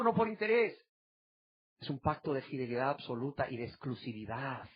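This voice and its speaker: A pastor and family counselor preaching a sermon with emphasis, dropping to hushed asides and rising to loud outcries, asking many rhetorical questions. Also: medium pitch, slightly rough. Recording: dull lo-fi recording.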